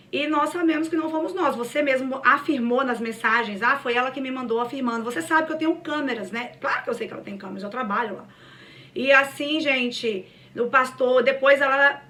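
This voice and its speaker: A woman's voice: fairly high pitch, fairly bright tone, recorded from a distance. A woman telling a personal faith testimony to a church group in an earnest, storytelling way. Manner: earnest, storytelling, addresses listeners as "gente". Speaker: church cell group speaker.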